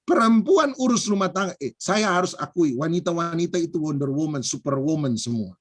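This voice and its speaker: Man, pastor, humorous sermon, husky, very expressive pitch, repeats phrases. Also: a little fast. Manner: lively, joking, repeats phrases for emphasis.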